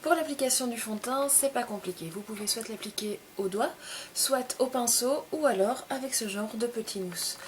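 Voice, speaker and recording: A faint hiss underlies this casual makeup tutorial, where a young woman with a somewhat high voice walks through her routine step by step. She explains gently, leaving pauses between her short phrases.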